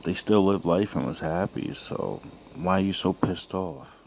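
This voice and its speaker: A deep-voiced man reacts to film villain quotes in a casual, reflective monologue, unhurried and philosophically musing, often letting his thoughts trail off. The audio is poor, with clear background noise.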